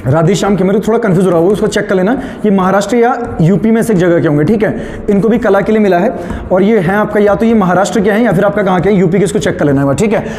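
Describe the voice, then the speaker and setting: A male teacher dictating notes to students, repeating phrases, slowing down for them and asking check questions that he answers himself. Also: high voice, a little mellow. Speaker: current affairs teacher. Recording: echoey room, faint background noise.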